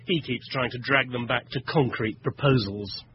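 A man's voice: mid-range voice, moderate pace. Male correspondent, dull slightly noisy recording. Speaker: news correspondent. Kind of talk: scripted news report.

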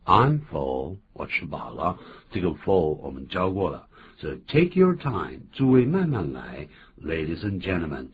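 A man co-hosting a bilingual radio English lesson, explaining phrases in a lively way and acting out short quotes. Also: low voice, a little slow, few pauses. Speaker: English teacher co-host. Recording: phone-like lo-fi with faint hiss.

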